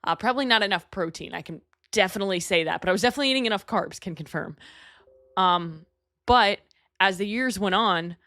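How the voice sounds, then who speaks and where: A woman's voice: medium pitch, a little fast, pushed and bright, no room sound, clean studio sound. A woman in her thirties from New York, hosting her own podcast in a candid, chatty way with casual fillers. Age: 30s. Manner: candid, chatty, self-deprecating with frequent "like" fillers. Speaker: podcast host. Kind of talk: solo podcast talk.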